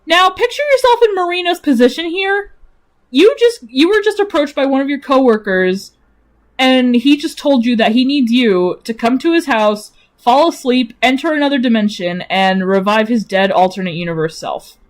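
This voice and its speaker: Young woman, streamer, casual chat, animated, swears often, fairly high voice. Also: moderate pace.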